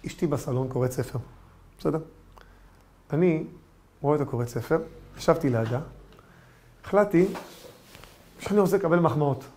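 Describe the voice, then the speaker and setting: A man, a rabbi giving a lesson, telling humorous stories in an animated way. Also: fairly high pitch, pauses often, slight background noise. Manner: animated storytelling, acts out voices.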